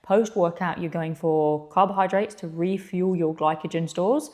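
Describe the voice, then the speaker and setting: A woman with a slightly low voice speaks straight to the listener like a coach. She is blunt and emphatic, putting pointed rhetorical questions as she instructs. The room around her is echoey. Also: fairly even intonation, moderate pace, a little mellow. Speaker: physiotherapist and clinical mentor presenting. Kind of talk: direct-to-camera instructional talk. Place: echoey indoor space.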